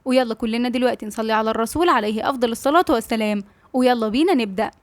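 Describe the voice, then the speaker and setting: Rapid-talking Egyptian woman narrator. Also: on the high side, dry recording. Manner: affectionate, rapid, chatty. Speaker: audiobook narrator and channel host. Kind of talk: reading a novel aloud with chat.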